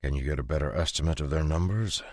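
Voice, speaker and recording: A man voicing a calm, curt young swordsman who speaks steady and unhurried. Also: extremely low pitch, dry recording, clean studio sound.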